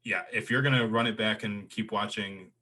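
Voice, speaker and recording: A man's voice: lowish voice, fairly even intonation, moderate pace, pushed and bright. A man co-hosting a casual college football podcast, chatty and full of filler phrases. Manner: chatty, leans on "you know" fillers. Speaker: co-host. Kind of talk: casual sports podcast chat.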